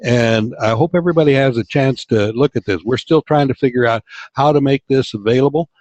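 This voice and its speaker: A man's voice: medium pitch, fairly quick, a little mellow, no room sound. A man hosting a casual online business meeting, upbeat and encouraging, speaking over a call. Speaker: webinar host. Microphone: video call. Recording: dull lo-fi call audio.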